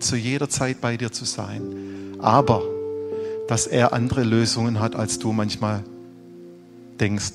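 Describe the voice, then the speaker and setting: Male pastor, earnest sermon, emphatic then hushed, long church reverb, faint music behind. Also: mid-range voice. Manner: earnest, emphatic preaching with hushed dramatic drops.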